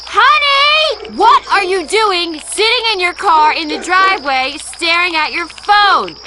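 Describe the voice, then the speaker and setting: A woman's voice: extremely high pitch, animated, takes it slowly, very noisy, exaggerated voice. A woman voicing a suspicious, nagging wife in a commercial. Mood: scolding.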